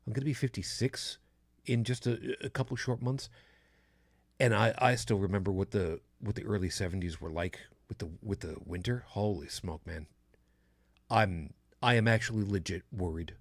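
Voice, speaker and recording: Chatting loosely on his podcast, a host in his fifties rambles, restarts frequently and fills gaps with fillers. He has a fairly low, gravelly voice at a moderate pace, with no room sound.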